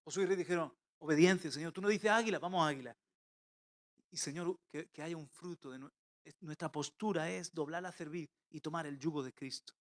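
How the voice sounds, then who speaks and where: High-voiced preaching man. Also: a little fast. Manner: swings between loud emphatic calls and quiet intimate asides. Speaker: pastor. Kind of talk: sermon. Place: church.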